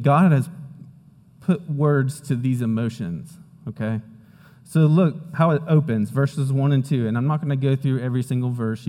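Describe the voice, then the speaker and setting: A man preaching a sermon as pastor, earnest and emphatic, dropping to a hushed tone at times. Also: medium pitch, long reverb tail.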